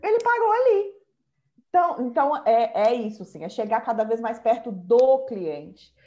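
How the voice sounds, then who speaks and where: A woman with a fairly high voice talks casually and hammers her points home by repeating them. The sound is slightly dull and lo-fi. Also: very animated, normal speed, mellow. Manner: emphatic, repeats key phrases. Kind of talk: casual conversation.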